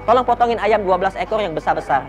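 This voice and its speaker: A man quoting a kind older woman who speaks gently and coaxingly. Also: sits high, fast, soft background music, natural voice.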